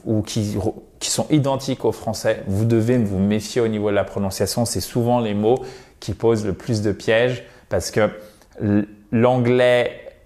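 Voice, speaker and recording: A man giving a video English lesson, explaining suffixes and stressed syllables and repeating example words slowly and carefully. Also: medium pitch. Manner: addresses viewers warmly as "chers amis". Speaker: English teacher.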